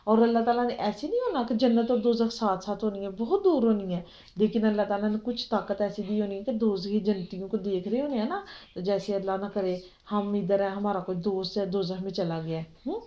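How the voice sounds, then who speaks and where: Her voice mid-range and mellow, a woman with a Pakistani Urdu accent leads children through an online religious lesson, regularly quizzing them to hold their attention. The sound quality is dull and lo-fi.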